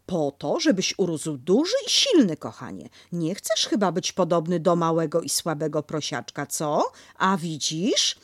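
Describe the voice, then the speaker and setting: A woman voicing a motherly female kangaroo who talks slowly, doting but firm, in a storybook reading. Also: lowish voice, big pitch swings, no room sound, clean studio sound. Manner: slow, doting, bossy.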